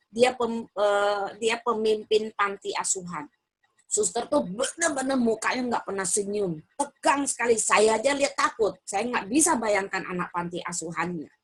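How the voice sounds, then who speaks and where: A middle-aged woman speaking to parents at a seminar, her voice set a little higher than most. She talks in a lively way, puts questions to the room and waits for answers. She slips into the voices of the people she quotes.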